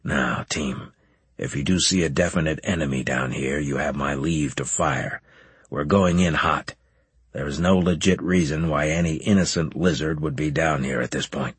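A man voicing a gruff military officer who gives curt, clipped orders in a deeper voice than his narration. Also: steady tone, normal speed, no echo. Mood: stern. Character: gruff commanding male centurion officer.

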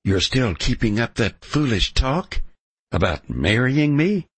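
A man voicing a spirited young ranch woman in an audiobook, guarded yet tender, with a lightened husky voice and an earnest, protesting manner. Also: medium pitch, big pitch swings, a little slow, fairly bright tone, no echo, pitched above the performer's own voice, heavily acted. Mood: guarded, dismissive. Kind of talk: audiobook character dialogue.

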